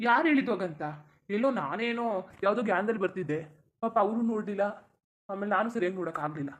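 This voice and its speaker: A performer doing a young husband in a cartoon who keeps reassuring his wife in a soothing way. He speaks very fast at a mid pitch. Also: lightly acted. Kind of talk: cartoon voice acting.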